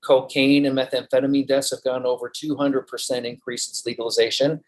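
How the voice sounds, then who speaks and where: A man's voice: medium pitch, flat delivery, fairly quick, low-quality recording. A man, a physician guest in an interview, speaking steadily and listing figures methodically. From Colorado.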